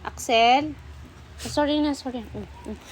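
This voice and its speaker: A woman's voice: high voice, a little slow, a little hiss or hum, poor audio. A woman vlogging at home, mock-scolding and coaxing her dogs in pet talk. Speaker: vlogger and dog owner. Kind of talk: casual vlog, talking to her dogs.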